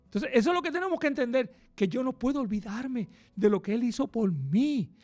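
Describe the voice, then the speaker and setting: A man preaching a radio sermon, impassioned, swinging from hushed passages to loud, fast bursts. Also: very high voice, expressive, faint music behind.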